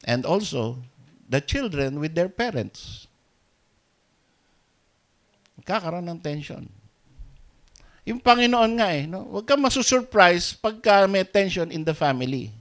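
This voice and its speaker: A man with a Filipino accent preaching a sermon as pastor, mixing Tagalog and English, dropping to soft asides and rising to loud emphatic peaks. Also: high-pitched, big pitch swings, unhurried, long pauses.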